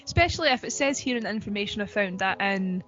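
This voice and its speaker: A woman's voice: medium pitch, lively intonation, fast, fairly bright tone, lo-fi sound, faint music behind. A woman co-hosting a podcast in casual chat, talking in a chatty, giggly way with lots of fillers. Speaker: podcast co-host.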